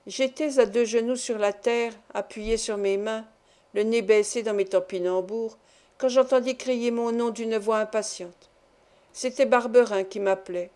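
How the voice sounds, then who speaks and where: A woman narrates a classic novel in a measured, expressive reading. Her voice sits a little high but sounds mellow and warm. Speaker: audiobook narrator. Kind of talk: literary audiobook narration.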